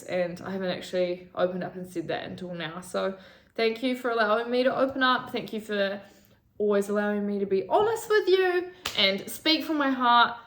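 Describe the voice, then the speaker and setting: A woman's voice: mid-range voice, reverberant. A young woman, talking rawly and emotionally in a confessional vlog, swearing often, filmed on her phone. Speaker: vlogger. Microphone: phone camera.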